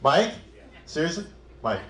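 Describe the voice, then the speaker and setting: A man's voice: a little high, very animated, a little slow, fairly bright tone, echoey room. A man from Cleveland performing a self-deprecating, crude stand-up set on a club stage. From Cleveland, Ohio. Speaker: stand-up comic.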